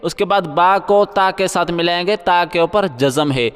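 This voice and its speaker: A man teaching Quran reading with tajweed, spelling out syllables and chanting words slowly, then explaining the rules quickly. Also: high-pitched, clean tone, long reverb tail.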